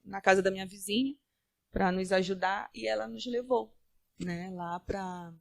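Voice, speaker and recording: A woman giving a personal faith-filled testimony as a podcast guest, earnest, with halting restarts. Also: mid-range voice, fairly even intonation, gravelly, dry recording, clean studio sound. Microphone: studio podcast mic.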